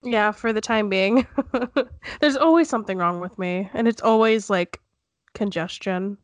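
A woman's voice: medium pitch, a little slow, no echo. A young woman with a stuffy, congested nose, co-hosting a casual chat in a giggly, rambling way. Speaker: podcast co-host.

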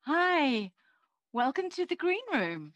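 Here a sign language interpreter in her fifties gives spoken voice to a deaf host's introduction as it happens, using the first person. Sitting at home in front of a plain screen, she keeps a steady, measured delivery, restarting slightly now and then, and her voice sits high.

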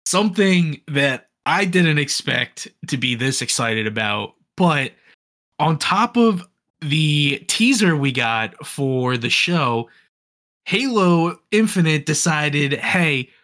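Young male podcast co-host, slightly high voice, eager and rambling, casual gaming chat. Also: slow pace. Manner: excited, rambling with many restarts.

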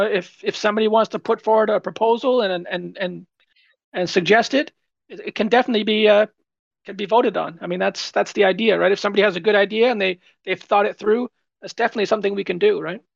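A man's voice: high voice, fairly even intonation, fast, gravelly, dry recording, muffled recording. A man on a community call, answering in a chatty way, repeating words and asking "right?". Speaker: project team member. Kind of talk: casual AMA chat.

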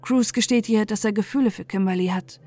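A woman's voice: mid-range voice, brisk. Woman narrating true crime over music. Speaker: podcast host.

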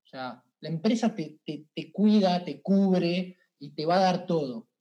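Man, Argentine accent, interview guest, animated, colloquial, frequent restarts. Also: high-pitched, measured pace, lo-fi sound. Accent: Argentine Spanish. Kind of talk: casual interview storytelling.

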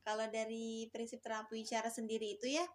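A woman's voice: a little high, level tone, fast. A woman speech therapist, a guest on an interview show, explaining her work in a casual, hesitant way with many fillers and restarts.

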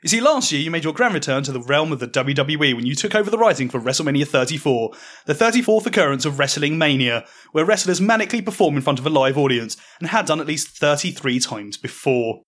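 A man telling a mocking comic story in the second person, with deadpan delivery. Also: on the high side, fast talker. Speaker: podcast storyteller.

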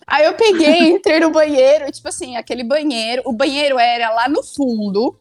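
A woman's voice: high-pitched, a little fast, dry recording, studio quality. A young woman tells a funny story casually, acting out her own lines. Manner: animated, acts out her own past lines.

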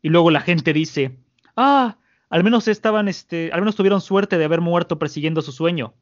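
A man's voice: a little high, normal speed, close to an everyday voice. A man with a Mexican accent voicing a smug, mocking male pirate captain, scornful and long-winded, on a muffled lo-fi recording. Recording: muffled lo-fi audio.

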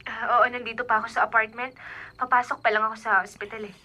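A woman's voice: a little high, little pitch movement, fast, background noise, lightly acted. A woman playing a weary, apologetic wife and mother working overseas in a radio drama, reassuring and evasive in manner. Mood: unwell, reassuring. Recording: background music under the voice.

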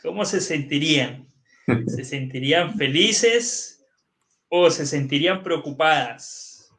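A man's voice: a little high, takes it slowly, fairly bright tone. A male guest pastor giving engaging, sermon-like teaching, putting questions to the listeners. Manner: engaging, asks the audience questions.

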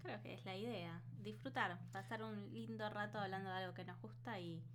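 A woman's voice: mid-range voice, normal speed. Argentine woman chatting over noisy hum. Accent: Buenos Aires Argentine Spanish. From Buenos Aires, Argentina. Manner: colloquial, conversational. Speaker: podcast co-host. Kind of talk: casual podcast chat.

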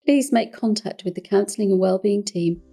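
English woman counsellor hosting, calm and careful, mellow husky voice. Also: mid-range voice, moderate pace. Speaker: counsellor and podcast host. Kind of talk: gentle podcast hosting.

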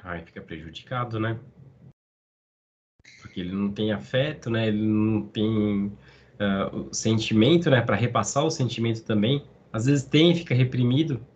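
A man's voice: fairly low pitch, normal speed, darkish tone, husky. A man co-hosting a casual podcast, agreeable and often closing his remarks with a questioning tag. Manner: agreeable, ends phrases with "né". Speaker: podcast co-host. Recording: slightly dull lo-fi sound.

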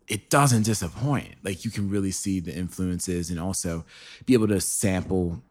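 A man's voice: low voice, normal speed, a little mellow. A man hosting a podcast, introducing a guest in a rambling, laid-back way with plenty of fillers. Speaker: podcast host. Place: home with a dog nearby.

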